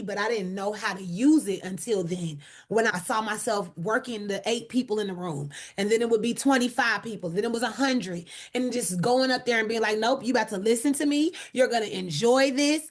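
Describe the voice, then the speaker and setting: A woman comedian and actor telling stories as an interview guest, bold and energetic in her delivery. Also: on the high side. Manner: bold, energetic, emotional at times. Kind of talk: animated interview storytelling.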